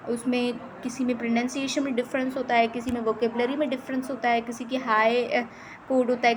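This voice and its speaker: A woman from Pakistan teaching a lecture on English dialects, explaining in Urdu with English terms and slowly reading out English passages. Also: on the high side, slight background noise, low-quality recording. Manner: often adds "theek hai" between points.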